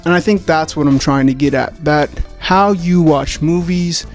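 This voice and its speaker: A man's voice: on the high side, moderate pace, soft background music. A man hosting his video essay, who rambles casually, swears freely and pokes fun at himself. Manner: rambling, swearing, self-mocking.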